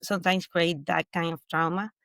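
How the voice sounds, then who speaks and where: A woman's voice: on the low side, level tone, normal speed, fairly bright tone, dry recording. Venezuelan woman guest, earnest and reflective. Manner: earnest, reflective, with frequent restarts. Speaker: mindset coach guest. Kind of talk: interview conversation.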